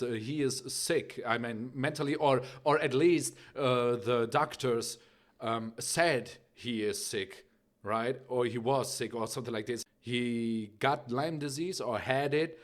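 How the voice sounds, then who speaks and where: This young man, a German speaker using English as a second language, hosts a laid-back music reaction video. His voice sits in the mid range and he takes his time. He wanders off topic, fills gaps with lots of fillers, and repeatedly asks "right?"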